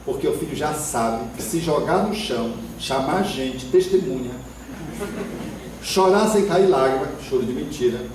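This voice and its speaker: A Brazilian man giving a spiritist lecture in a hall, expressive and acting out the voices of parents and children. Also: mid-range voice, moderate pace, a little hiss or hum. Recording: echoey hall from far off.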